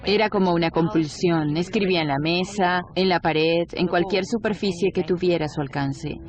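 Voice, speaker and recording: A woman's voice: fairly low pitch, moderate pace, close to an everyday voice. A woman voicing a devoted middle-aged wife in a dubbed documentary interview, with music behind her. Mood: earnest, tender. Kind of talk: documentary interview voice-over dub.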